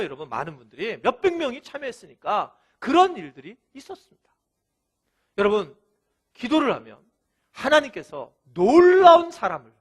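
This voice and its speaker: High, lively-voiced male preacher. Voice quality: thin, light voice. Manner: animated storytelling preacher, acts out quotes. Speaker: pastor. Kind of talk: sermon.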